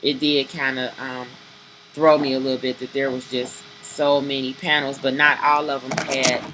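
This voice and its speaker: A woman's voice: a bass voice, little pitch movement, moderate pace, background noise. A woman giving a casual, rambling spoken review of a comic book, with many fillers and restarts.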